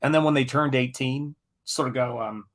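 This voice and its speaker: Hosting a live painting stream, a middle-aged American man talks at a normal speed with medium pitch and fairly even intonation. His chatter is casual and meandering. He jokes in a self-deprecating way throughout.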